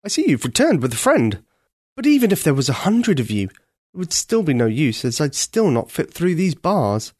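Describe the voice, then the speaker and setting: A man's voice: on the high side, very animated, moderate pace, a little mellow, slightly rough, no echo, clean studio sound, pitched above the performer's own voice. A man doing a sorrowful young prince. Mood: plaintive. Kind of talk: storybook read-aloud.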